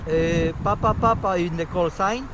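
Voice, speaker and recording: A man's voice: high-pitched, normal speed. A man operating amateur radio outdoors, reading call signs in the phonetic alphabet with clipped procedural phrasing. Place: outdoors on open moorland. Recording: loud wind noise outdoors.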